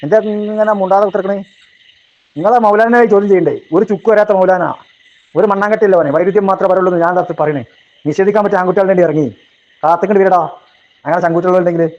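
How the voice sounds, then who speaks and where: A man's voice: high-pitched, fast talker, darkish tone. A man giving a heated rebuttal talk, combative and taunting, firing off rhetorical questions. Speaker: religious speaker answering a rival. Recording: dull lo-fi recording.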